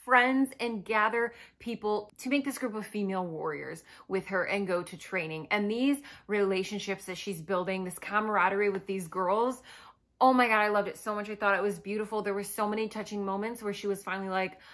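A woman's voice: mid-range voice, a little fast, fairly bright tone. A woman giving a casual spoken book review, emotional and fired up with enthusiasm.

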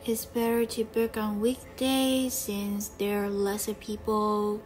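A woman's voice: medium pitch, little pitch movement, slow. A young woman from Korea, chatting casually through a vlog with lots of fillers. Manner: chatty, loose with fillers like "like" and "you know". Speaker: vlogger. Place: bright home studio, indoors, then voice-over. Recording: talk over loud background music.

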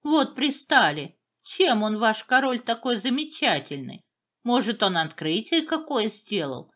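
A woman's voice: medium pitch, big pitch swings, a little slow, fairly bright tone. A woman voicing a young boy who brushes things off scornfully and impatiently. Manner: dismissive, impatient.

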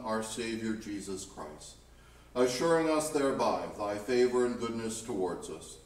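A man leading a church liturgy as priest, reciting set prayers in a solemn, measured way. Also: medium pitch. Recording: echoey room from far off.

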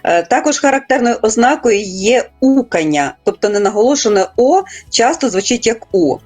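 Measured woman explaining like a lecturer. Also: a little high, expressive, darkish tone, breathy edge, soft background music. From Volyn, Ukraine. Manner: measured, lecturing, quotes dialect words carefully. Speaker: guest linguist. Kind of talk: radio interview, explaining.

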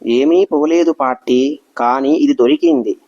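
A man voicing an eager, excited young granddaughter. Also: on the high side, measured pace, gravelly, dull audio, heavily acted.

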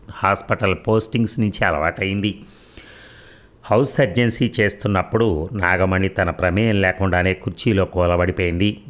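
Deep-voiced man reading a story. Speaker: narrator. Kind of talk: scripted story narration.

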